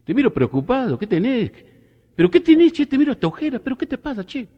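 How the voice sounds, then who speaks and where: A man's voice: extremely high pitch, sing-song, fast talker, dark tone, long reverb tail, highs cut off, voice pushed up, full character voice. A man voicing a nosy Argentine man with an Argentine accent who keeps prying. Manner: prying, repeats "che".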